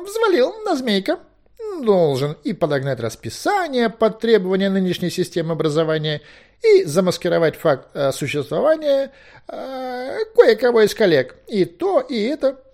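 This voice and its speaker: A scatterbrained old male wizard, voice jumping way up high and swooping all over, rambly and fussy, stretching his words out. sounds like a storybook reading. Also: darkish tone. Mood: flustered. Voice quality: high, fluttery, flustered. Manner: rambling, hesitant, with drawn-out words. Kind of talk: audiobook character voice.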